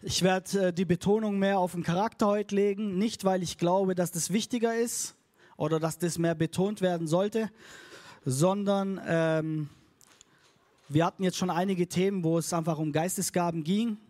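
A man's voice: sits high, steady tone, normal speed, darkish tone. A man preaching a casual, upbeat sermon to a congregation, tossing in English phrases and leading call and response. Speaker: pastor. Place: church hall before a congregation.

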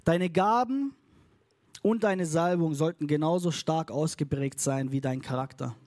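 Guy preaching in church, kinda high voice, chatty and upbeat, throws in english words. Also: unhurried, a little mellow. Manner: casual and upbeat, mixing in English phrases; leads the congregation in call and response. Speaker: pastor. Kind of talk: sermon. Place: church hall before a congregation.

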